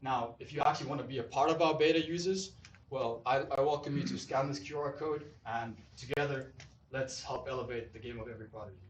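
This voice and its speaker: Eager founder from Zimbabwe, roomy hall. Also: male voice, mid-range voice, a little fast. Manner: eager, salesy. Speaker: startup founder pitching. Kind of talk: pitch presentation and Q&A. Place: event hall. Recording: roomy hall, distant mic, faint noise.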